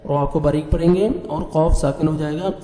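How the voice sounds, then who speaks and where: A man teaching Quran recitation, spelling out letters and vowel marks, then chanting the words slowly and melodically with quick explanations in between. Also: on the high side, steady tone, warm tone, reverberant, in a large hall, low-quality recording. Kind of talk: spelling out and reciting verses with tajweed rules.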